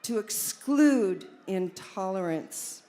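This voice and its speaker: Woman giving a slow, fiery revolutionary speech. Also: medium pitch, lively intonation, dark tone. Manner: declamatory, rousing, emphatic. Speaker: speaker reading a statement at an event. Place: live event stage.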